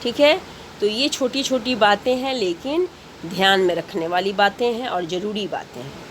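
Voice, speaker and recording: A woman's voice: mid-range voice, lively intonation, moderate pace, slight background noise. A woman teacher giving a grammar lesson to schoolchildren, patiently repeating and spelling out each step.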